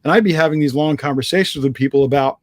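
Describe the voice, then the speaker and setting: A man guesting on a podcast, talking in an energetic, self-assured, joking way about his business. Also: on the high side, quick pace, no room sound. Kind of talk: casual interview chat.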